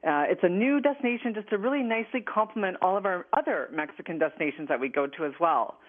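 A woman's voice: lowish voice, animated, quick pace. A woman calling in as a radio guest, chatting in an upbeat, promotional way over the telephone. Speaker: guest, travel company representative. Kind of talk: casual promotional radio interview. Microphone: telephone call-in. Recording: narrow, tinny phone line.

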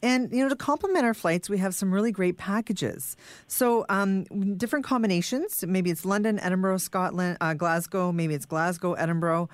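A woman speaking as a travel company expert, pitching packages conversationally and enthusiastically, listing item by item. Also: moderate pace, dry recording. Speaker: tour company guest expert. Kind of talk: conversational product pitch on radio.

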